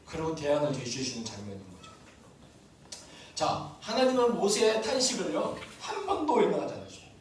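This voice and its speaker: A man's voice: fairly high pitch, fairly quick, slight background noise. A man preaching a sermon as pastor, often asking the congregation questions and answering them himself. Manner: asks the congregation questions, lively and animated. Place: church sanctuary. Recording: echoey room, mic from a distance.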